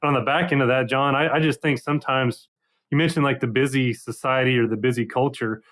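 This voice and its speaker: Male panelist, middle pitch, casual professional conversation. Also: fairly even intonation, fairly quick, fairly bright tone. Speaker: panel guest.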